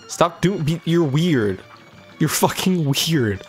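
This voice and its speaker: A man's voice: a little high, expressive, takes it slowly, soft background music. A young man hosting a let's-play channel, swearing constantly and rambling jokes at a game boss as he plays into a desk microphone. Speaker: gaming channel host. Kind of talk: profane let's-play commentary.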